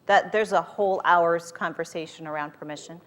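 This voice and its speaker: A woman's voice: on the low side, steady tone, normal speed, a bit bright. A woman speaking as a motivational workshop leader to a live group, conversational and emphatic, often using rhetorical questions.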